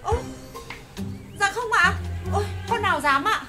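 A woman's voice: very high-pitched, lively intonation, measured pace. A woman playing a fussy village maid who answers politely and eagerly. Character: fawning young village maid, eager to please. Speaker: household maid. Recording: background music under dialogue.

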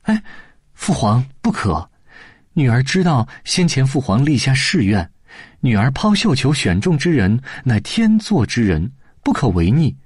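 Resolute young princess, read by a man; firm and dutiful, lively husky voice. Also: mid-range voice, measured pace, no room sound, studio quality. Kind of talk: storybook audiobook voice acting.

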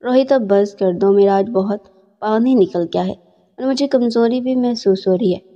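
A nervous middle-aged mother who pleads and defends herself, voiced by a woman narrator. Her tone is high and mellow, heard through a dull recording with long reverb. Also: natural voice. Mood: anxious.

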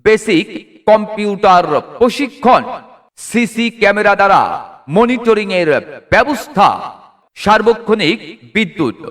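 A man making a loud promotional announcement, calling out slogans in drawn-out phrases with a megaphone-like sound. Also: sits high, recorded from a distance. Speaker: advertising announcer.

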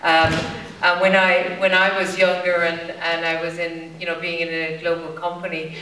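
A woman's voice: fairly low pitch, monotone, moderate pace, bright, forceful tone, recorded from a distance, slight background noise. A woman from Ireland with a Limerick accent, answering candidly on a conference panel, with many fillers and restarts. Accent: Irish, Limerick. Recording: roomy hall, voice from the mic.

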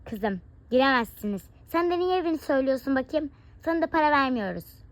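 A woman voicing a stern rich mother who scolds her daughter in a sharp, bossy way, in a game role-play. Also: high-pitched, expressive, fast talker, no echo. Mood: scolding. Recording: dull lo-fi recording.

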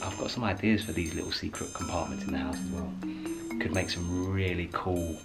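A man's voice: sits low, flat delivery, brisk, vocal fry, loud music behind the voice. A man giving a casual, chatty tour of his house, moving from room to room and joking as he goes. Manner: chatty, laid-back, jokey asides.

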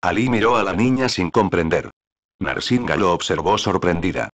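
A man narrating a novel as an audiobook in a measured, steady reading. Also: low-pitched, dry recording.

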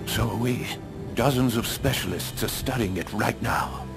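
An actor playing a formal, brisk intelligence official giving orders in a video game cutscene. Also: male voice, medium pitch, gravelly, over music, close to an everyday voice.

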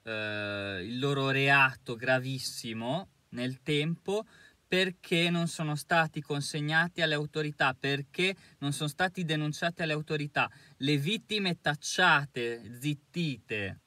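A man's voice: on the high side, a little slow, pushed and bright, no echo. A man giving an indignant, emphatic monologue to camera as a commentator, with hesitant fillers between his points. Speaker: YouTube commentator.

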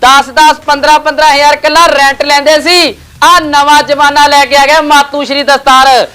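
Very high-pitched, even-toned salesman. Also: normal speed. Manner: emphatic, repeats prices and phrases. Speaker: shopkeeper.

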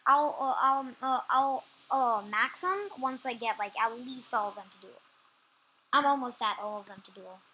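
A woman chatting casually while playing a computer game at home, quick to agree and often trailing off mid-sentence. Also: on the high side, pushed and bright, slight background noise, low-quality recording. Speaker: gameplay channel co-host. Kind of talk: casual gameplay chat.

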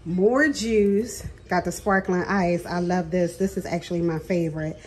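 A middle-aged woman vlogs from her home kitchen, filming her groceries and chatting casually with viewers, calling them "girl" and laughing a lot. Her voice sits on the low side with fairly even intonation and an unhurried pace, and soft music plays behind her. A phone camera captures her hands over the counter.

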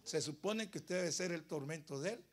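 Brief: Costa Rican male pastor, high voice, emphatic dramatic preaching. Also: moderate pace, crowd noise. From Costa Rica. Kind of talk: sermon.

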